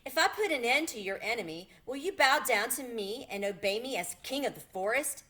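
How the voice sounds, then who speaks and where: Woman reading as a proud storybook lion, lifted pitch. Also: animated, a little fast, bright, forceful tone. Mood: confident. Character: brave proud male lion, gracious and confident.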